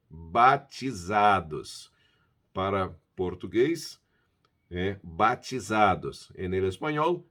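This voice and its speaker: A man giving a language lesson from Bible verses, repeating words slowly to model how they sound. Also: mid-range voice. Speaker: language teacher. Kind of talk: Bible-based pronunciation lesson.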